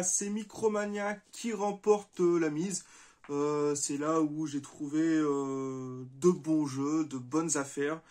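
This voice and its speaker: A man hosting a casual gaming vlog, talking to his viewers in a friendly, chatty way and pausing often with filler sounds. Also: high voice. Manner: hesitant, many filler sounds. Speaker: retro gaming channel host. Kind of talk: casual vlog showing game purchases.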